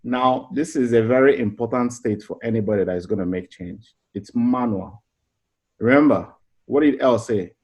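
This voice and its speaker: Giving an informal motivational session, a middle-aged life coach speaks in a slightly mellow mid-range voice at a moderate pace. He's earnest and conversational, restarting phrases often and leaning on rhetorical questions.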